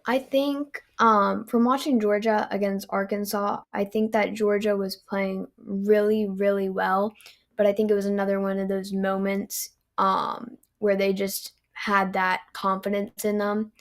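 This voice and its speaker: Young woman on a podcast, flat delivery, lots of vocal fry, super laid back. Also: mid-range voice, a little slow. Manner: relaxed, frequent "um" and "you know". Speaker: guest volleyball analyst. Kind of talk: casual podcast chat.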